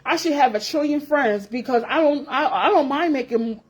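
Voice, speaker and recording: In her forties, a woman vlogs straight to her audience with an unfiltered, profanity-laced rant, repeating lines to drive them home. She speaks at a normal speed in a voice that sits high.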